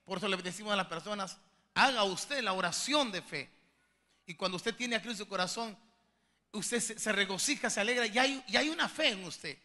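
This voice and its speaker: Male pastor preaching in a big church hall; high, very bright voice, fervent, pleading tone, long echoing reverb. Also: brisk. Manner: preaching with swings from soft, intimate asides to loud emphatic climaxes; fervent and pleading, addressing listeners as beloved brothers. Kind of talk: sermon.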